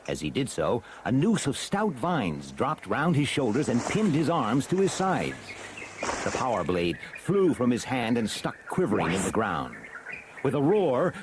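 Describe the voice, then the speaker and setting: Animated male storyteller, noisy recording. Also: mid-range voice. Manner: theatrical, expressive. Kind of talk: dramatic scripted storybook narration.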